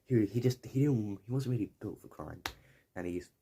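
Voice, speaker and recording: A young man rambles through a casual video essay commentary, digressing, correcting himself often and swearing mildly now and then. His voice is fairly low with a dark tone, and he speaks at a moderate pace. There's faint background noise in the recording.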